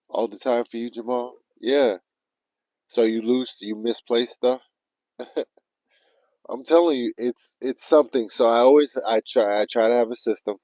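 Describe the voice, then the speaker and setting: A man's voice: lowish voice, no echo, poor audio. A man telling a story casually on a livestream, swearing often and acting out his own panicked self-talk. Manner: animated, profane, retelling with quoted self-talk. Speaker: livestream vlogger.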